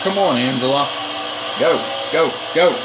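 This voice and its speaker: A man giving excited commentary on his own racing game play, urgent and repetitive as he coaxes and cheers. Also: medium pitch, measured pace, dull audio, very noisy.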